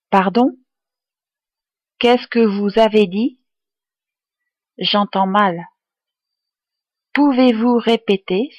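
A woman tutor reading useful phrases aloud for learners, enunciating each one clearly and deliberately. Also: medium pitch, darkish tone, no echo, muffled recording. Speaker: language tutor.

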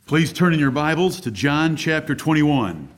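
A man's voice: fairly high pitch, animated, normal speed. A man preaching a sermon as pastor at a pulpit microphone, emphatic and blunt.

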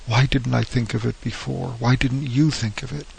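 A frantic grieving old mother, read by a gravelly man. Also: medium pitch, fairly even intonation, moderate pace, darkish tone, a little hiss or hum, poor audio. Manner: pleading, urgent, feverish.

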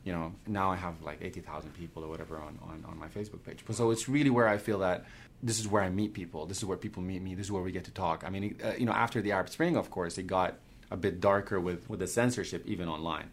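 Deep-voiced Sudanese man, halting speech. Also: fairly even intonation, slight background noise. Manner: repeats words while thinking, many "you know"s. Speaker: guest cartoonist. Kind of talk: conversational interview answers.

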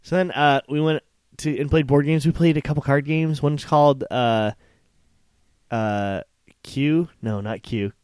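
A man's voice: fairly high pitch, unhurried, a little mellow, clean tone, dry recording, studio quality. A young man hosting a podcast, telling a long story in casual chat, full of fillers. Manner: rambling storyteller, many fillers. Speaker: podcast co-host.

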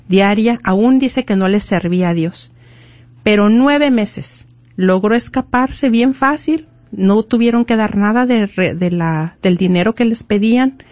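A woman's voice: medium pitch, a little mellow, no echo. A woman preacher giving an emphatic sermon, speaking straight to the mothers in her audience. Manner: emphatic, addresses listeners directly. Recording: muffled lo-fi recording with faint music.

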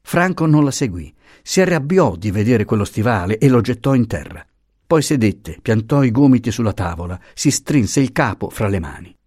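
A man giving an expressive, dramatic reading of a novel as an audiobook narrator. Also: mid-range voice, moderate pace, no echo, clean studio sound. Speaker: audiobook reader.

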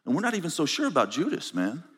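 A man's voice: a little high, wildly swooping pitch, fast, background noise. A man voicing a bewildered male disciple who talks in casual slang, calling his teacher man and bro. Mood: doubtful, chummy. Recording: reverberant conference hall.

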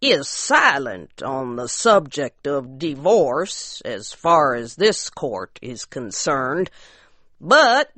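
A woman's voice: deep voice, a bit bright, dry recording, heavily acted. A woman voicing a solemn, pompous rural justice of the peace who speaks in formal, ceremonious legal phrases.

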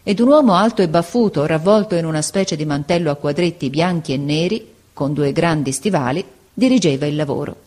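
A woman narrating a classic story aloud in a steady, expressive storytelling manner. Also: deep voice.

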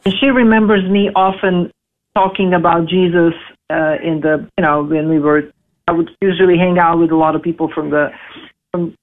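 A guest in a casual interview, this woman in her forties from Serbia recounts her personal story in English with hesitant speech, frequent fillers and false starts. Her pitch is on the low side and her intonation fairly even, heard through a tinny phone connection.

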